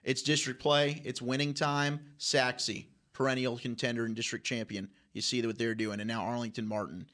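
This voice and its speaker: A man giving emphatic, opinionated high school football analysis in a studio. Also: level tone, moderate pace, few pauses, fairly bright tone. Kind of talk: sports analysis.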